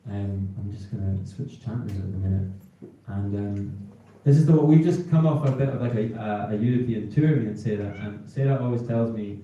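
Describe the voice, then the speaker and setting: A very reverberant live hall recording of a man with a soft-toned, mellow voice and a Hebridean Scottish accent. He rambles casually between tunes as a performing piper, picked up from some distance. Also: on the low side, moderate pace, few pauses, highs cut off, slight background noise. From North Uist, Western Isles, Scotland. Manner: hesitant, rambling, informal. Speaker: folk piper introducing his set on stage. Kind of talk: casual, chatty between-tunes stage talk. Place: indoor concert hall, on stage. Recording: echoey hall, distant live concert pickup.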